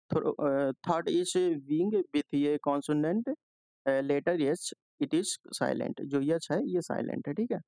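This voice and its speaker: A man with a somewhat high, gravelly voice explains exam questions in a lesson, repeating little check-ins as he goes. He reads the passages slowly. The sound is dry and close, with no room around it. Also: darkish tone, dry recording. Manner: explanatory, repeats "ठीक है" and "जो है" often; slows down to read English question text. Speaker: teacher. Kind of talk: exam-prep lesson in Hindi mixed with English.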